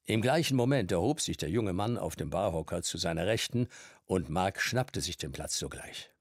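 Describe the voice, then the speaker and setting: A male audiobook narrator with a very deep, gravelly and husky voice, reading a novel. His telling is lively and swings widely in pitch. He is heard close and dry, with no room sound. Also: moderate pace, no room sound.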